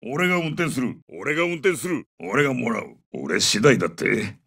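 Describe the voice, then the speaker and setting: A man's voice: mid-range voice, lively intonation, normal speed, gravelly, fairly bright tone, slightly rough, distant mic, full character voice. A man voicing a terse, battle-hardened special forces captain who calls out short, urgent tactical lines in a military shooter game. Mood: low, steady. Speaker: soldier calling out combat voicelines.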